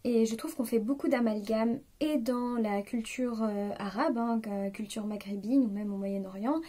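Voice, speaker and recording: A French woman in her late twenties, a vlogger, reflects spontaneously to the camera in a hesitant, confiding way, full of fillers and restarts. Her voice is fairly high and mellow, with fairly even intonation and a normal pace.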